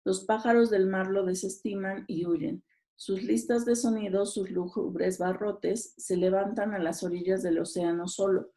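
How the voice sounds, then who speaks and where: Slow-paced woman teacher. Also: medium pitch, steady tone, warm tone. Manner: checks with students, reads questions aloud. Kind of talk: exam review lesson.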